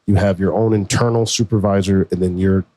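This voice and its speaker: A man in his forties, a podcast co-host, telling his story in a relaxed, slangy way. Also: sits low, brisk. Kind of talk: casual conversation.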